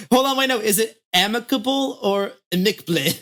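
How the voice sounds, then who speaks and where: A man's voice: extremely high pitch, moderate pace, fairly bright tone. A man hosting a casual podcast chat. He laughs often, talks in an easygoing, playful way and tends to ramble and trail off mid-thought. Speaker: host.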